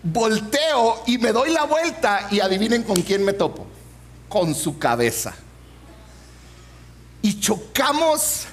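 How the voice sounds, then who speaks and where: A man's voice: high voice, takes it slowly, long pauses, a little hiss or hum. A man, preaching a sermon and telling a funny personal story. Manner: humorous, animated storytelling.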